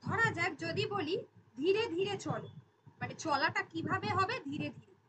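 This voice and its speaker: A woman with a very high voice teaches a grammar class. She explains patiently and works through example sentences one by one. A steady noise sits behind her voice. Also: normal speed. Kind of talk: online class lecture.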